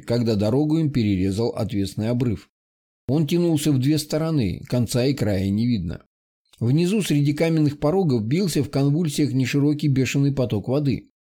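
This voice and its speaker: Husky-voiced man reading an audiobook. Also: mid-range voice. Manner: steady storytelling. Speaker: audiobook reader. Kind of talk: scripted narration.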